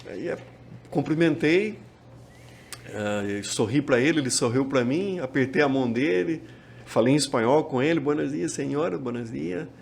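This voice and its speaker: A Brazilian pastor, telling a travel story as a podcast guest. He is a lively storyteller who acts out quoted dialogue. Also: medium pitch, moderate pace, a little hiss or hum. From Minas Gerais, Brazil. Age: 50s.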